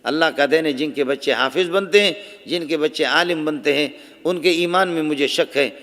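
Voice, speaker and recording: A man preaching a sermon at a conference, telling stories with passion, sometimes soft, sometimes raised for emphasis. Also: on the high side. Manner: storytelling, impassioned, shifting between soft asides and raised emphasis. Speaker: religious speaker. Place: large conference hall. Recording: long hall reverb.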